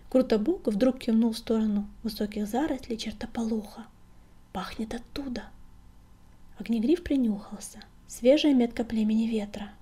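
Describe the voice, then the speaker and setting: A woman narrating an audiobook in a soft, hushed whisper. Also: a little high, breathy edge. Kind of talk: whispered storytelling.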